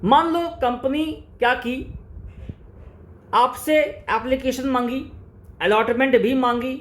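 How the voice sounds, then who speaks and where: A man teaching company accounts, repeating key terms slowly and firing rhetorical questions at his students. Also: very high-pitched, fairly even intonation, a bit bright. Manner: repetitive, drilling, slows right down to spell out key terms. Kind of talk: classroom-style lecture in Hindi-English mix.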